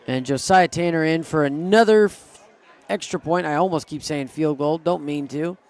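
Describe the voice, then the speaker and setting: A man's voice: fairly high pitch, moderate pace, a little mellow. A man doing live play-by-play commentary on a school football game, eager and groaning when plays go wrong. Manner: eager, pleads with referees, groans at setbacks.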